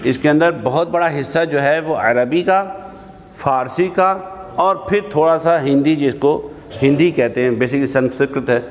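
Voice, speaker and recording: A man teaching an Arabic grammar class in a mosque hall, lecturing in a conversational way, asking rhetorical questions and checking in with his listeners. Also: a little high. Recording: long hall reverb.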